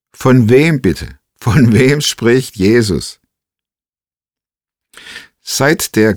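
A man's voice: fairly low pitch, no room sound, studio quality. A man giving a scripted devotional reflection, thoughtful and full of rhetorical questions. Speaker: preacher giving a devotional talk.

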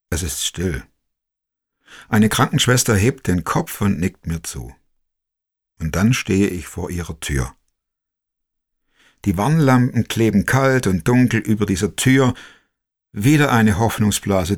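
A man narrating a personal story in the first person, slow, quiet and reflective. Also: fairly low pitch, slightly rough.

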